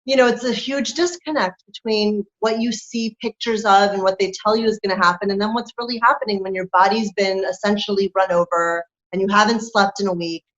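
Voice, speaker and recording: A woman's voice: medium pitch, fairly even intonation, a little fast, hardly any pauses. A woman lactation consultant talking candidly and with animation in an interview, laughing through her points. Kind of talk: conversational interview. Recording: dull lo-fi sound.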